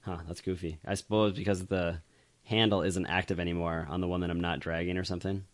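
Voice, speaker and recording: A man with a very low voice chats casually on a podcast, rambling with fillers and laughing easily. His voice sits close and dry on the mic, with no room sound. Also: flat delivery, quick pace, no echo. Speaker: podcast co-host. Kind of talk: casual chat.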